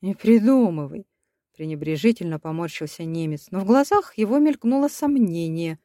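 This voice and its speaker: A woman narrating an audiobook in a steady, expressive reading voice. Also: fairly low pitch, brisk, no echo, studio quality.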